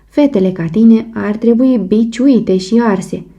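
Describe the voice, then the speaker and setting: A woman's voice: mellow, close to an everyday voice. A woman narrator voicing a distraught, jealous wife who wails and pleads tearfully. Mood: hysterical pleading. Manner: wailing, pleading, shrill. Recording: muffled audiobook recording.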